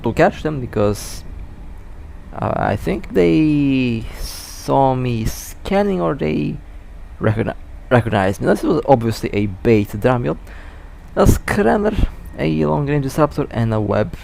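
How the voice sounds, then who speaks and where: A man with a gravelly, creaky voice gives loose live commentary over a space game. He has the hiccups, and his chatty narration keeps catching and restarting mid-word. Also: mid-range voice, sing-song, slow pace, darkish tone, a little hiss or hum. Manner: casual, chatty, self-correcting. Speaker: mobile space game player.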